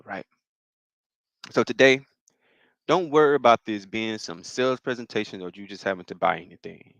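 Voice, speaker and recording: A man's voice: on the low side, gravelly, fairly bright tone, no room sound, poor audio. Young man from Mississippi, casual encouraging workshop host, repeats himself, dry close sound. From Mississippi, United States. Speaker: financial workshop presenter. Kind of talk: live-streamed financial workshop talk.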